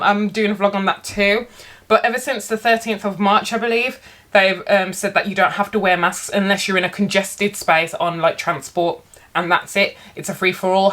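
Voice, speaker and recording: A woman vlogger chatting casually to camera while eating, telling stories in an animated way with her mouth sometimes full. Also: mid-range voice. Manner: animated storytelling, acting out quotes. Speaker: English teacher. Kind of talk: casual mukbang chat to camera.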